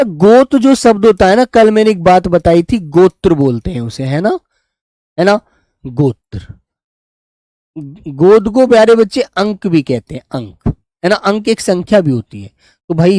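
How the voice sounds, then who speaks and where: A man's voice: high-pitched, lively intonation, moderate pace, dark tone. A man teaches a live online class, walking his students through quiz answers in a patient, coaxing way. He keeps calling on them and encouraging them as he goes. The sound is dry and close, with no room echo. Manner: coaxing, addresses students as beta.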